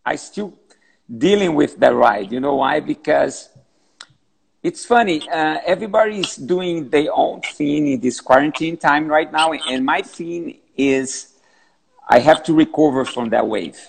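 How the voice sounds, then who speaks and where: A man in his fifties, a big wave surfer, answering interview questions in halting, repetitive English, calling in from a gym. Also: fairly high pitch, lively intonation, gravelly, breathy edge. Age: 50s. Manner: halting, repeats words, non-native phrasing.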